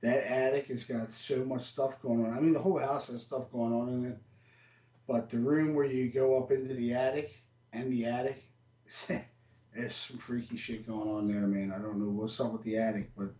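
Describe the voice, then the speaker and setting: A man's voice: medium pitch, fairly even intonation, normal speed, warm tone. A man hosting a podcast in casual chat, telling stories animatedly and acting out what he said. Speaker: podcast host. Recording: roomy echo.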